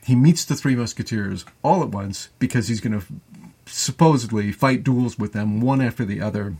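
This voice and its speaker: A man's voice: medium pitch, moderate pace, a little mellow, husky. A man co-hosting a podcast, recapping a classic film in casual, rambling talk full of fillers and restarts. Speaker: podcast co-host.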